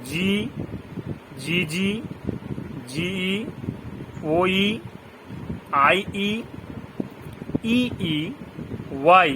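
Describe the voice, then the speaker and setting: A man teaching a pronunciation lesson. He repeats each rule slowly and gives example words with their meanings. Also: fairly high pitch. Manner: asks the listeners questions. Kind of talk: classroom lesson in Bengali. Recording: noisy background hum.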